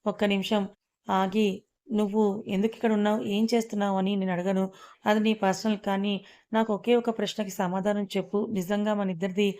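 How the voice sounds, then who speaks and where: A woman's voice: mid-range voice, level tone, brisk, a little mellow, close to an everyday voice. A woman voicing a stern, blunt young man who is a hurt lover, talking curtly. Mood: pained. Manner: curt, scolding, then pained.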